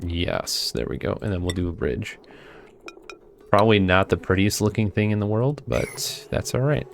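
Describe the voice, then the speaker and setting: A man giving casual commentary while he plays a video game, thinking out loud and talking to himself as he plays. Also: sits low, normal speed, gravelly, music in the background. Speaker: gameplay video host.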